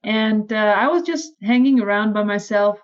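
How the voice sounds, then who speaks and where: A woman with a Czech accent, a podcast guest telling her story in casual conversation, lively and acting out quoted lines. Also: normal speed, highs cut off. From Czech Republic. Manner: animated, acts out quoted lines in a higher voice.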